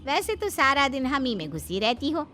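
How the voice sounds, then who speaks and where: A woman's voice: high-pitched, big pitch swings, normal speed, bright, forceful tone, soft background music, full character voice. A woman voicing a scheming, spiteful older female friend in a cartoon story, with a gloating, conspiratorial manner. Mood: gossipy. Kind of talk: cartoon voice acting.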